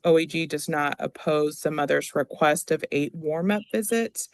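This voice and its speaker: Reading requests and questioning a witness, the attorney keeps to a formal, halting, procedural courtroom style. The voice is mid-range, recorded without echo.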